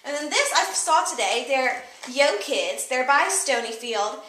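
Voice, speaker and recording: A woman's voice: high voice, very animated, a little slow, fairly bright tone, reverberant, slight background noise. A young woman chatting casually through a grocery haul, rambling with many fillers, recorded on a camera mic a few feet away indoors. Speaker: vlogger. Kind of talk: casual product haul chat. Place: room with a table by windows, indoors.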